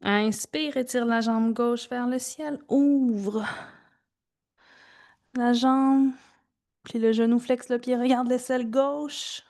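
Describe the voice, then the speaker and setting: A woman yoga instructor with a fairly high voice. She speaks very slowly, leaving pauses between short, gentle cues. Her delivery is informal and calm-paced, as if moving through each posture along with the class.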